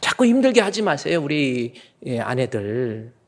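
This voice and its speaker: A man in his fifties, a senior pastor, preaching a lively, folksy sermon and acting out quoted voices now and then. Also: medium pitch, unhurried.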